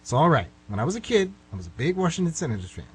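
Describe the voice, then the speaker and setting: In a slightly rough amateur radio drama, a man with a fairly high voice gives a heavily acted turn as a flustered middle-aged guy. He rambles nervously, halting, excitable and exasperated, and keeps correcting himself.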